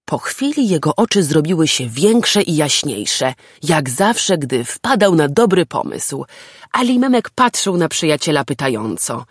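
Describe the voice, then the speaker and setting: A woman narrating a children's storybook audiobook in an expressive, lively reading voice. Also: low voice, unhurried, husky, no echo, studio quality.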